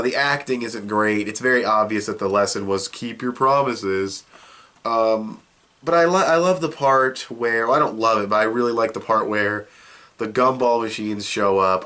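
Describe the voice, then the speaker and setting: A young man with a cold sniffles while reviewing a show in a casual video, his mid-range voice sharp-toned and moderately paced. He rambles in a loose, offhand way, full of fillers and restarts.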